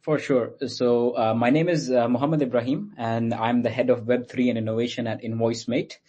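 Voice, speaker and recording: A man's voice: mid-range voice, fairly even intonation, fairly quick, dark tone, husky, dull audio. A man from Pakistan, a guest in an online interview, explaining things patiently with many fillers. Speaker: guest explaining his company. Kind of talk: interview answers.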